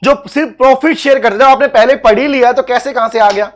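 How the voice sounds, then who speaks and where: A man's voice: very high voice, fast talker, fairly bright tone. A man teaching a live online law class, teasing and calling on students by name, repeating phrases for emphasis.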